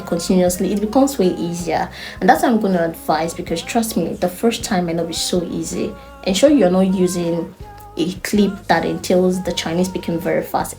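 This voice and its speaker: A woman with a Nigerian accent giving an online language lesson, emphatic and playful as she explains. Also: on the low side. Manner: animated, emphatic, playful teaching. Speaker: Chinese language tutor.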